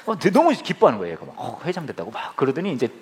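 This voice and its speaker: A man's voice: on the high side, wildly swooping pitch, racing. A man in his forties preaching a sermon, telling humorous family stories and speaking directly to the congregation. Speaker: pastor.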